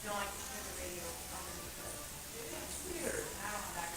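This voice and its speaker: With an expressive, sharp-toned voice at medium pitch and a moderate pace, a woman runs a microphone sound check at a podium. As part of the bema team, she sometimes speaks off mic or at a distance, and the live stream carrying her is hissy.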